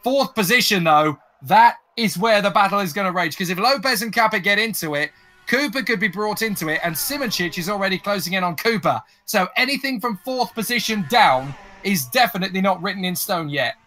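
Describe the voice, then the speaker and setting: A man calling a motor race live as a commentator, with an excitable, dramatic delivery and colourful turns of phrase. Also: high voice, a little fast, faint music behind.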